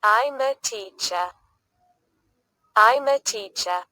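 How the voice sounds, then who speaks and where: A woman reading short everyday English sentences for beginners, saying each one twice, clearly and deliberately. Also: fairly high pitch, pushed and bright, dry recording. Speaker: English teacher. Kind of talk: slow repeated phrase drills for learners.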